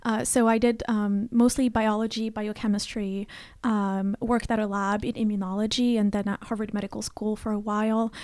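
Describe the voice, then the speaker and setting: A woman from Morocco speaking as an academic guest in an interview, thoughtful, with many pauses and fillers. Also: fairly high pitch, a little mellow, dry recording. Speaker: guest, assistant professor of French. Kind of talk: conversational interview.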